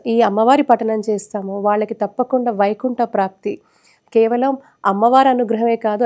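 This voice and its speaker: Woman, studio devotional speaker; warm, earnest explainer. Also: fairly high pitch. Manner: earnest, explanatory, shares own experience. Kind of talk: live TV devotional talk.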